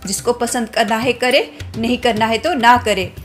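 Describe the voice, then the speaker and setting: A woman's voice: on the high side, moderate pace, faint music behind, lightly acted. A woman voicing a rebellious young bride-to-be who speaks indignantly and outspokenly. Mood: defiant.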